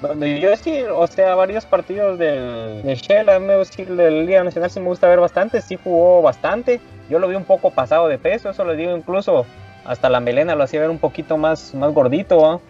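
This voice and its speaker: A man's voice: fairly high pitch, brisk, dark tone, soft background music. Man thinking aloud, distant dull audio. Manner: thinking aloud, uses tags like "¿va?". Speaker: podcast co-host. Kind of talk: casual sports chat.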